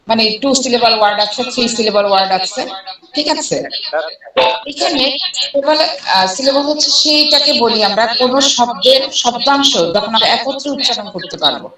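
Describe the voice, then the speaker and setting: A woman with a Bangladeshi accent teaching an online English class, slowly reading out English questions. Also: on the high side, pushed and bright. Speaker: English instructor. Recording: echoey room, far from mic, people talking. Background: students chiming in.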